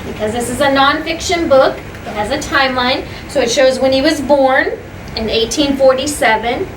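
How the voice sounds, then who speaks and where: A teacher with a high-pitched voice reads a story to children at a moderate pace, stopping now and then to explain simply, restate points and put questions to them. The recording has room echo, a faraway mic and clear background noise.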